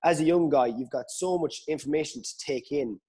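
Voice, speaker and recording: A man's voice: a little high, fairly quick, darkish tone, husky. A man chatting about sport as a podcast guest, hesitant and often repeating words as he thinks aloud. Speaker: podcast guest, Gaelic football pundit. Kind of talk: casual sports discussion.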